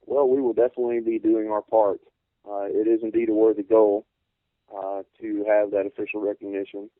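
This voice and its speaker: A man with a low, fairly flat voice speaks in a polite, measured and halting way, as in an interview. The sound is narrow and phone-like. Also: no room sound. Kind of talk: conversational interview.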